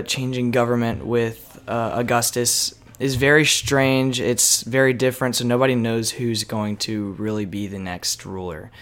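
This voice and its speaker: A young man co-hosting a casual history podcast, chatty and relaxed, often saying "like". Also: medium pitch, smooth. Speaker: podcast co-host.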